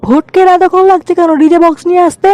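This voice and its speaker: Man voicing a very high-pitched, hot-tempered cartoon ringleader. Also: steady tone, fast, a little mellow, no room sound. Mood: furious. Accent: West Bengal. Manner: scolding, blustering. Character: hot-tempered, foul-mouthed male picnic ringleader. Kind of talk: comic cartoon dialogue.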